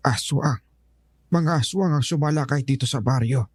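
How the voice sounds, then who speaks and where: A man's voice: mid-range voice, moderate pace, slightly rough, no echo, clean studio sound, lightly acted. An actor playing a stern, protective old grandfather in an audio horror drama, giving urgent warnings. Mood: grave. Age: older.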